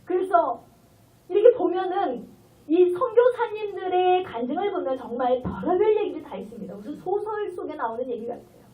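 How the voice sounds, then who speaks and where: A woman guest pastor preaching an animated revival sermon, emotional as she tells a story and acts out its voices, heard on a distant, tinny recording. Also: very high-pitched, brisk.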